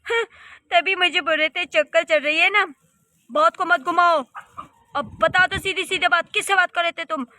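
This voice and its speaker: A woman's voice: extremely high pitch, moderate pace, pushed and bright, dry recording. A woman voicing a spoiled, haughty young rich wife in a cartoon story, scolding and scornful.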